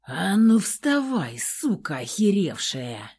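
A woman's voice: sits low, sing-song, takes it slowly, husky, exaggerated voice. A snarling brutal husband, as a woman reader puts him on. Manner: snarling, crude, threatening. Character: brutal abusive husband, adult man, vicious.

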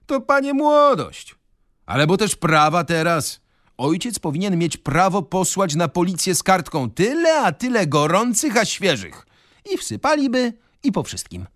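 A man's voice: high voice, wildly swooping pitch, measured pace, fairly bright tone, no echo, clean studio sound, voice pushed up, full character voice. Man voicing an old official who preaches the rod. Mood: moralizing. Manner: garrulous, moralizing, folksy. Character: old male official, gruff believer in beatings. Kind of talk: radio reading of a novel.

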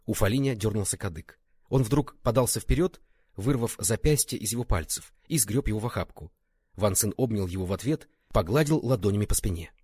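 Husky-voiced man narrating a story. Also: lowish voice, animated, a little fast, darkish tone, no echo, clean studio sound. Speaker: audiobook reader. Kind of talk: scripted narration.

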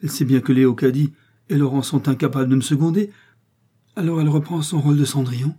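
A man reading aloud and voicing an excitable, portly middle-aged pharmacist who speaks in effusive exclamations. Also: mid-range voice, quick pace, breathy edge, voice pushed up, close to an everyday voice. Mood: stunned.

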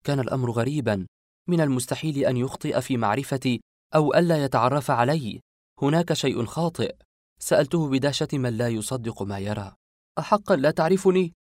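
A man narrating a dramatic first-person story in an expressive reading voice that builds with feeling. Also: mid-range voice, fast, no echo, clean studio sound.

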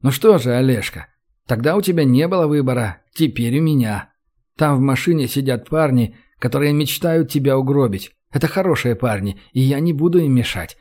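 A man's voice: mid-range voice, lively intonation, fairly quick, darkish tone, close to an everyday voice. A man voicing a sarcastic, commanding young man who taunts and threatens. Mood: threatening.

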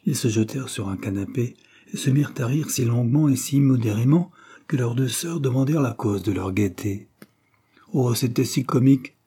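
A man reading the narration of a classic novel aloud in an even, measured way. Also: medium pitch, breathy edge. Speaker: audiobook reader.

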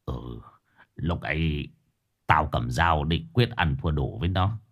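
Guy doing a gruff dad, stern. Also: very deep voice, animated, slow pace, lo-fi sound, voice pushed down, full character voice. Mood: weary. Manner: gruff, scolding. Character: stern middle-aged father, gruff.

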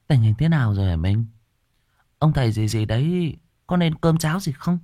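Frantic wife, as a male narrator puts her on, high and pleading, lively pitch, dry recording. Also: moderate pace, no echo, close to an everyday voice. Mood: worried. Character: anxious young wife, pleading.

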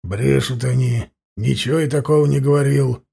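A man voicing a rough, hot-tempered peasant robber in an audiobook reading, blustering and indignant. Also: medium pitch, fairly even intonation, moderate pace, dark tone. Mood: defiant.

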